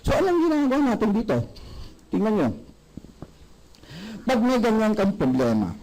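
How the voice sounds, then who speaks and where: A man giving a sales seminar, animated and often asking the audience questions. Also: high voice, normal speed, noisy background. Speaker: product presenter.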